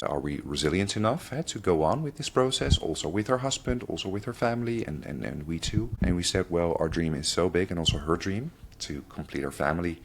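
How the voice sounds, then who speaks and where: Deep-voiced man telling a painful story. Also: slight background noise. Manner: halting, with restarts and fillers. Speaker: podcast guest sharing his family story. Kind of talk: candid interview talk.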